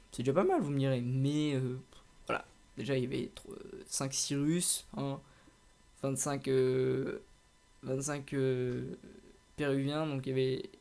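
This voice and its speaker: A man's voice: medium pitch, darkish tone. Rambling young man over gameplay. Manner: rambling, hesitant, many fillers and restarts. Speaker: gaming channel host. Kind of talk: casual gameplay commentary.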